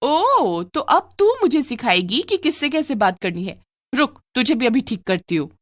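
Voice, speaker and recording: Bossy two-faced cartoon aunt, high and shrill, barks orders, woman voicing her. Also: sing-song, moderate pace, dry recording, clean studio sound. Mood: disgusted angry. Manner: syrupy fake sweetness, then harsh barking orders. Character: scheming two-faced middle-aged aunt.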